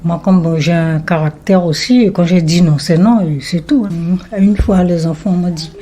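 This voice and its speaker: A woman, telling her life story in a lively way and acting out what people said. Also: on the low side, normal speed. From French Guiana. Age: 70s. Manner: lively storyteller who acts out remembered dialogue. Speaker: interviewee.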